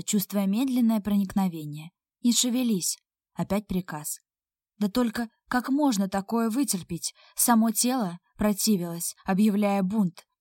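A woman narrating a first-person audiobook in a steady, intimate reading. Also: mid-range voice, no room sound, clean studio sound.

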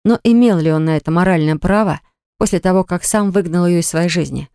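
An audiobook narrator reading a romance novel chapter in an even, measured way. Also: mid-range voice, clean tone, dry recording, clean studio sound.

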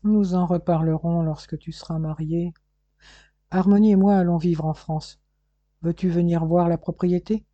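A man's voice: on the high side, steady tone, moderate pace, dry recording, lo-fi sound, natural voice. A man voicing an eminent researcher and loving husband in an audiobook, read in an assured tone. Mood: fatherly.

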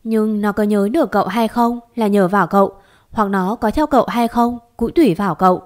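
A woman voicing a kind, motherly village woman who speaks gently and turns tearful. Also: medium pitch, fairly quick, lightly acted. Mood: gentle.

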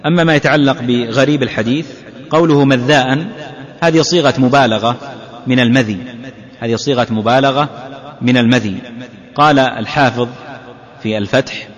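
A male sheikh gives a religious lesson, unpacking a classical text slowly and repeating key points. His voice carries a long hall reverb. The sound is dull and lo-fi, like an old lecture tape. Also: mid-range voice. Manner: deliberate, repeats key phrases to drive them home. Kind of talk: religious lesson explaining hadith.

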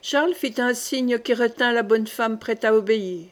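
A woman reading a classic novel aloud in a measured, dramatic way. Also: fairly high pitch. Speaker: audiobook narrator. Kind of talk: scripted narration.

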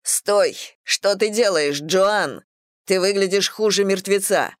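A woman voicing a panicked, angry young man who shouts. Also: medium pitch, slow, dry recording, clean studio sound, natural voice. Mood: frantic.

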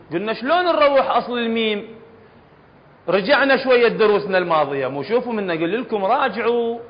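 A man with an Iraqi accent teaches a class, regularly asking his students whether they follow and going back over each point. His voice sits high. The reverberant hall and dull, lo-fi recording soften every word. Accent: Iraqi Arabic. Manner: questioning students, repeating points patiently. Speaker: Quran recitation teacher.

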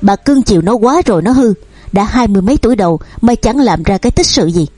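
A harsh old father who scolds his sons, read by a woman. The voice is mellow and a little husky, and the recording is dry. Faint music plays underneath. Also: mid-range voice, animated, quick pace, dry recording, natural voice. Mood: furious. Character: stern angry old father, a company owner.

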